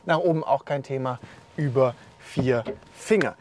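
A man presenting a car's rear seats from inside the car, explaining features in a relaxed way. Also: medium pitch, measured pace, a little hiss or hum. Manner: relaxed, explanatory, pointing things out. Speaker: car reviewer. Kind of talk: casual car walkthrough.

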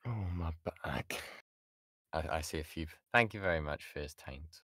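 A British voice actor answers questions in an online workshop, chatting informally and self-deprecatingly. He has a bass voice with a sharp tone and speaks a little slowly. Recorded on an XLR studio microphone in an insulated, padded home booth, the sound is dry and clean, like a studio.

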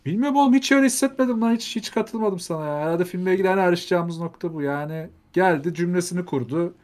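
A man in casual film talk, blunt and quick to disagree. His voice sits a little high, and he talks fast. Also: a little mellow. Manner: blunt, argumentative. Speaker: podcast co-host. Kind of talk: casual film review chat.

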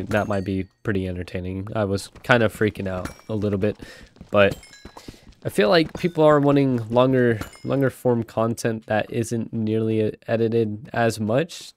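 Gameplay commentary comes from a young gaming channel host who sounds nasal and stuffed up with a cold, rambling and chatting before abruptly getting excited. His lowish voice moves at a moderate pace over slight background noise.

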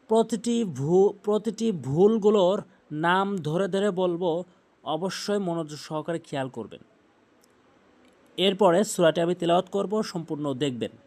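Man, Bangladeshi Bengali accent, fairly high voice, earnest recitation teacher, drawn-out Arabic sounds. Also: a little mellow. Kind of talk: instructional talk with slow chanted recitation.

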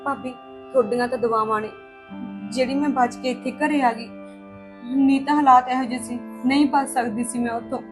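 A woman's voice: sits high, fairly even intonation, fairly quick, music in the background, close to an everyday voice. A woman playing a young unmarried woman, earnest and resolute, in a Punjabi drama. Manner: earnest, insistent.

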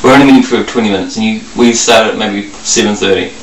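A man's voice: lowish voice, quick pace. A man in his thirties chatting casually while shivering in ice cold water in a bathtub. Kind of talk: casual chat with the camera operator. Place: small bathroom, sitting in a bathtub. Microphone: handheld camera a short distance away. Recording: echoey noisy bathroom, distant camera mic.

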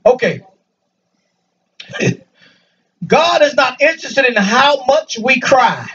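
A man preaching a lively sermon to a congregation in a church, joking and calling out for answers. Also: very high voice, slow. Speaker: pastor. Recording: dull, distant church recording.

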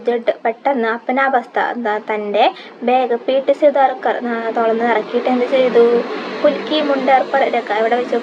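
A woman teaching a Hindi story lesson, reading lines slowly and then explaining them with quiz questions. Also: fairly high pitch, darkish tone. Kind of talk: line-by-line textbook explanation. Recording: dull lo-fi audio with faint background hiss.

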